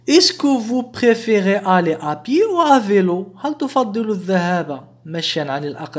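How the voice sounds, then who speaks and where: Patient male language teacher. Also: high-pitched. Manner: repeats French examples slowly and clearly, then explains briskly; patient, step-by-step explaining with many restatements. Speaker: French teacher. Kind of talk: online language lesson.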